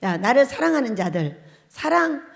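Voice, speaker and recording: A woman pastor preaching a revival sermon, animated and laughing often as she puts questions to the congregation. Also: fairly high pitch, moderate pace, vocal fry.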